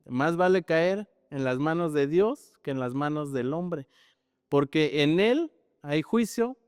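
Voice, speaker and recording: A man's voice: fairly high pitch, slow pace, clear, resonant tone, no echo, clean studio sound, in a large hall. A man preaching a sermon in a conversational, storytelling way, often tagging his sentences with questions. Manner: conversational, frequent tag questions, animated storytelling.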